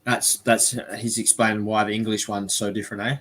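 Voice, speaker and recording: Bright-voiced Australian man hosting a chatty stream. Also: fairly low pitch, flat delivery. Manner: chatty, rambling, quick bursts of speech. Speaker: host. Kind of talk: casual live-stream chat.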